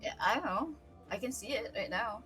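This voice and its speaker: A playful woman player who laughs often between lines. Her voice is bright and tense-edged and swings up and down a lot, sitting a bit high, over soft background music. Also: lively intonation, fairly quick. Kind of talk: tabletop game play over voice chat.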